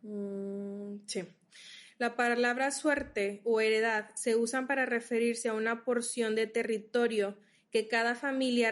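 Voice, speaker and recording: Slow, patient woman teaching scripture. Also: fairly high pitch. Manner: explains patiently, reads verses aloud, checks in with listeners. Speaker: Bible study teacher. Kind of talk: Bible study teaching.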